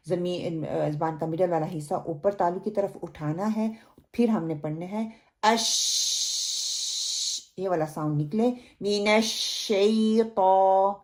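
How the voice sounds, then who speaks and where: A woman gives a recorded recitation lesson at a very unhurried pace. Her voice sits in a middle pitch range. She explains each point patiently and stretches out the words she demonstrates. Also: a little mellow. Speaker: Quran recitation teacher.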